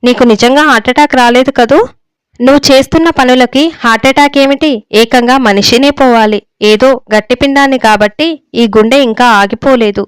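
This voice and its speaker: A woman reading a story voices a stern, domineering older father who shouts and scolds harshly, in a dry, clear recording. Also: high voice, steady tone, brisk, no echo, lightly acted. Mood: angry.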